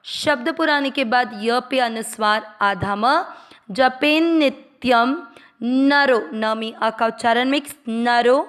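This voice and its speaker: A woman teaching Sanskrit pronunciation, patiently spelling out each syllable and then chanting the verse slowly. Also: on the high side, fairly bright tone, smooth. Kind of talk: slow syllable-by-syllable pronunciation lesson.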